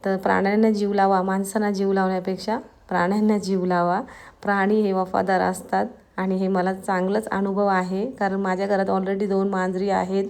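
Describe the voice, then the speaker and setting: A woman from Maharashtra narrating a casual vlog in a hoarse voice that is giving out, chatting straight to her viewers. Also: medium pitch, flat delivery, moderate pace, a little mellow. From Maharashtra, India. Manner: chatty, addresses viewers directly. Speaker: vlogger.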